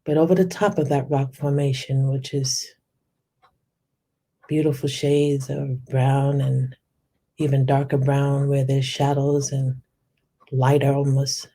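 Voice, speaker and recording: Soft and unhurried, a meditation guide with a mid-range voice talks through a guided visualization in a soothing way, letting descriptive words linger.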